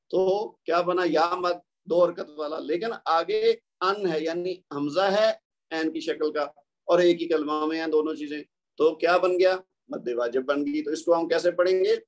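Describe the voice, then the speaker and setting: A man's voice: a little high, a little slow. A man teaching a lesson on recitation rules, explaining step by step and answering his own questions in a patient manner. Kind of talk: tajweed lesson.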